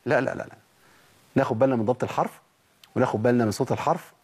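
A man with an Egyptian accent teaching Quran recitation, slowly repeating letter sounds to model correct and wrong pronunciation. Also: medium pitch, darkish tone, slightly rough. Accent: Egyptian Arabic. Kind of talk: tajweed lesson, demonstrating letter sounds.

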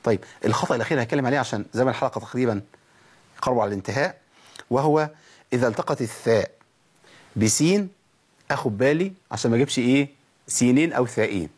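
A man's voice: mid-range voice, expressive, a little mellow, husky. Egyptian man teaching precise Quran recitation. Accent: Egyptian Arabic. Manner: explains, then models verses slowly and precisely; urges listeners directly, conversational. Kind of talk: tajweed lesson episode.

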